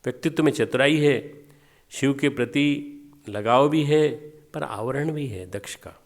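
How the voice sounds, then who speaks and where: A male spiritual teacher leads a devotional meditation class at a middling pitch. He tells stories and drives points home by repeating phrases. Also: measured pace. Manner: storytelling, repeats phrases for emphasis.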